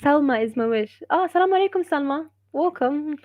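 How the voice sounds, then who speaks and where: A woman's voice: high-pitched, expressive, normal speed, dry recording, narrow, tinny audio. A woman from Gaza, an English speaker hosting a casual livestream, reading viewer comments with many fillers and frequent laughs. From Gaza, Palestine. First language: Arabic. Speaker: livestream host.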